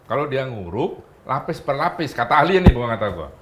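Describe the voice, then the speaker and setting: Man, talk-show guest, swooping lively intonation, faint hiss behind. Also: medium pitch, brisk. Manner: animated, acts out quoted speech. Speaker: guest commentator. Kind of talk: casual talk-show chat.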